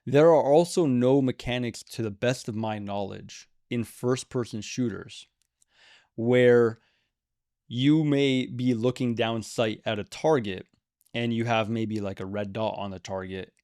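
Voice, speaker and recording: A man's voice: medium pitch, measured pace, darkish tone, no echo, clean studio sound. A man giving opinionated commentary to camera on a video game, emphatic and repeating words for stress. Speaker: gaming video creator.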